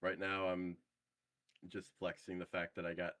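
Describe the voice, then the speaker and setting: A young man chatting casually over group voice chat while gaming, hesitant and halting with lots of fillers. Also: deep voice, completely flat delivery, a bit bright, no echo. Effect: heard over group voice chat.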